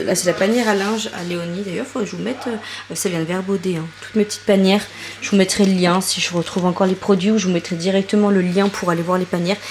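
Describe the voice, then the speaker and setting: Chatty woman vlogging in an echoey room. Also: mid-range voice. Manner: chatty storytelling with many fillers. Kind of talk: casual vlog chat. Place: family home. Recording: echoey room with background noise.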